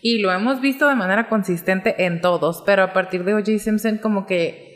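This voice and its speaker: A woman's voice: medium pitch, brisk, long reverb tail. A woman co-hosting a podcast, commenting in casual conversation and thinking aloud. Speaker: podcast co-host. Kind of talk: casual chat.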